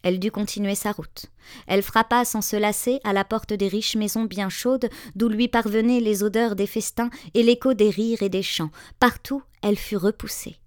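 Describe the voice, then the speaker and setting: A woman reads a storybook tale aloud, measured and expressive. Her voice sits in a natural middle register and sounds close and dry. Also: medium pitch, no room sound. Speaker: narrator. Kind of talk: storybook reading.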